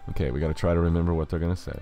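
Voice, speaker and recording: Low-voiced guy narrating a game playthrough, dry sarcastic asides, reads the dialogue out in voices. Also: little pitch movement, very fast, mellow, faint music behind. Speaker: let's play host. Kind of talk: game commentary.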